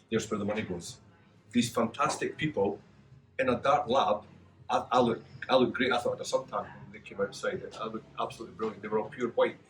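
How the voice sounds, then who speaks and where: A man's voice: medium pitch, low-quality recording. A man captaining a charity ride, speaking earnestly to the group with jokey asides. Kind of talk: speech to a group.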